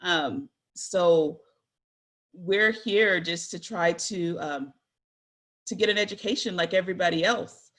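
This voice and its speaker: A guest speaker, a woman in her forties, shares personal stories candidly and earnestly, using frequent fillers and correcting herself often. Her voice is lowish and a bit bright, and she speaks slowly.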